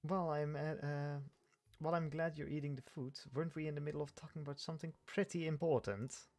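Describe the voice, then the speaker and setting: A man reading a game's dialogue and narration aloud as a streamer, halting and stumbling a little. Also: a little high, steady tone, darkish tone, soft background music. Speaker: game streamer.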